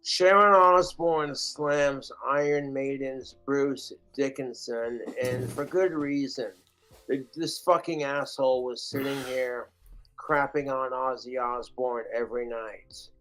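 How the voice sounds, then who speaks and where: A man's voice: mid-range voice, steady tone, sharp tone, soft background music, rough recording. A man streaming, ranting in a casual, profane way. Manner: profane, slow-paced ranting.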